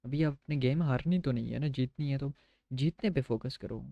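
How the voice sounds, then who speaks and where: A man's voice: medium pitch, normal speed, creaky, highs cut off, background noise. A man with a Pakistani Urdu accent chatting casually through live gameplay commentary, mixing in English phrases. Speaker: game streamer.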